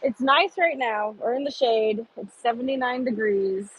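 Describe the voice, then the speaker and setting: A woman's voice: fairly high pitch, normal speed. A woman chatting casually and in a folksy way to her viewers as a livestream host, outdoors beside a construction site. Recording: dull lo-fi mic, loud construction and wind noise. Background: construction site noise, vehicles, wind.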